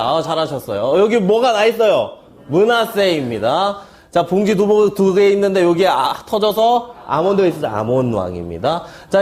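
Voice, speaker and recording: Male seminar instructor, a little high-pitched, playful classroom call-and-response delivery. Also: darkish tone. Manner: playful mnemonic wordplay, asks and answers his own questions. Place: lecture hall at a seminary.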